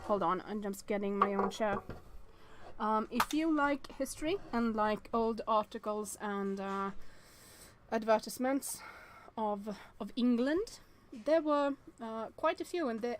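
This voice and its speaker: A woman streams a game, offering loose, expressive commentary as she thinks out loud and reads the on-screen text. Her voice sits in the middle range and she takes her time.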